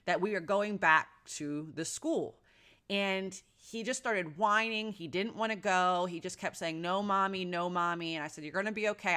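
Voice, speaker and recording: A woman in her thirties speaks with a bright, forceful tone pitched a little low. She tells a personal story as a mother in an earnest, reflective way, stopping to restart her sentences and filling gaps with "you know.". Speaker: mother sharing parenting experience.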